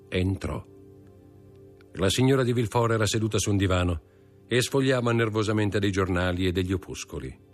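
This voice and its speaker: A man giving measured, dramatic audiobook narration. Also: low voice, a little mellow.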